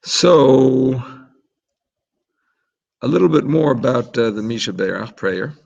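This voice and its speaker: A man's voice: mid-range voice, animated, slow, creaky, a little mellow, dull audio. A man teaching an informal religious class in a chatty, explanatory way, often restarting his sentences. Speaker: Torah teacher.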